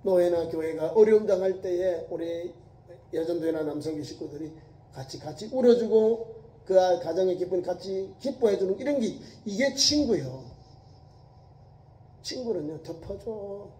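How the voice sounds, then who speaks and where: Korean pastor preaching in an echoey church. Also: male voice, sits high, mellow. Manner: colloquial preaching, voicing biblical speakers in quotes, emphatic repetition. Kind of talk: sermon. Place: church sanctuary.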